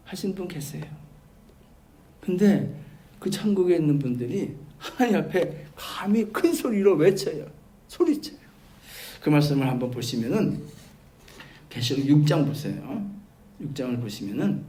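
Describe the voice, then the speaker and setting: A male pastor preaching a sermon. He turns from loud, emphatic exclamations to soft, quiet asides. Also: fairly high pitch. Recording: roomy church hall with faint background noise.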